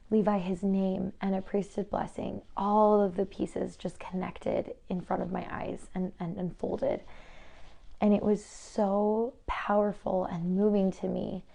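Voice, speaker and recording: A woman's voice: medium pitch, creaky, mellow. Bubbly, chatty young woman vlogger. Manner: bubbly and chatty, with frequent "like" and laughs. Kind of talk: casual faith-based vlog chat. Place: new family home.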